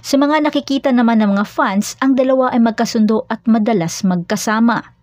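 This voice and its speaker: A woman reading scripted narration for a fan channel in a steady, explanatory way. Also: fairly high pitch, a little fast, no echo, clean studio sound.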